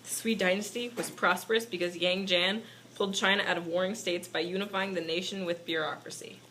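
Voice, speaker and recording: Her voice fairly low, sharp in tone, a little fast and fairly even in intonation, a woman voices a patient puppet history teacher instructing an unruly class from a script. It's an amateur show, and the low-quality recording has faint background noise.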